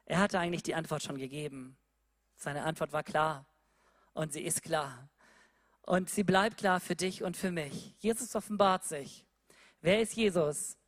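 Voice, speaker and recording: Speaking a little slowly, the preacher repeats rhetorical questions throughout the sermon, his lines rising to loud emphasis and dropping to quiet, low tones.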